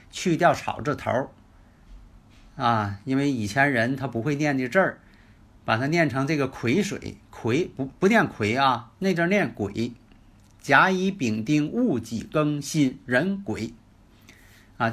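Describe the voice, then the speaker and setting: A man's voice: mid-range voice, fairly bright tone. A man hosting a radio lecture in a chatty style, asking rhetorical questions and using many filler particles. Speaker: radio host and lecturer on the five elements.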